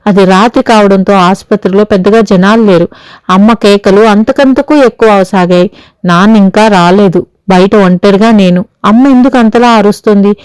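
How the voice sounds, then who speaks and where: A woman's voice: mid-range voice, moderate pace, a little mellow, smooth, dry recording, lightly acted, low-quality recording. A woman voicing a troubled young husband as he earnestly confesses an old fear. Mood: confessional.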